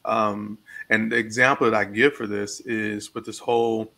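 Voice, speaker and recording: A man co-hosting a discussion podcast, talking in an animated, opinionated way with joking asides. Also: lowish voice, moderate pace, rough recording. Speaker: podcast co-host.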